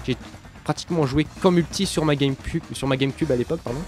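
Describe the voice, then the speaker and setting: A young man talks over his gameplay in a slightly high voice, stumbling through his words with many hesitations. Faint game music plays under his commentary. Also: fast talker, darkish tone. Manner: rambling, loses his thread, many fillers. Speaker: let's play commentator. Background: game sounds and music.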